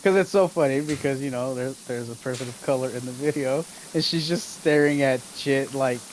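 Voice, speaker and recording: A man chats on a live stream, relaxed and given to long explanations, with laughter never far off. His voice sits at a middling pitch. A faint hiss runs under the recording. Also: fairly quick. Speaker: streamer co-host. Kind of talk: casual stream chat.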